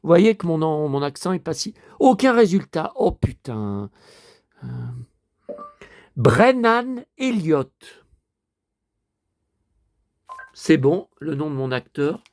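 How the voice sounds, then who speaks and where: A man's voice: a little high, animated, a little slow, mellow, no echo, studio quality. A man vlogging casually to his viewers, rambling and muttering with mild swearing as he talks from home in front of a TV.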